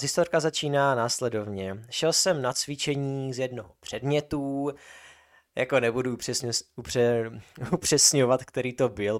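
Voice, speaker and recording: Young man, podcast co-host, ranting anecdote, casual, mid-pitched. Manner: animated storytelling, mimics others in high voice.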